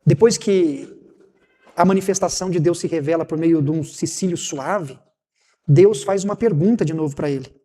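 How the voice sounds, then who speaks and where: A man's voice: on the high side, moderate pace, warm tone. A Brazilian man preaching a conversational sermon as pastor, asking rhetorical questions and acting out the words of God and Elijah. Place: church sanctuary. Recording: long church reverb.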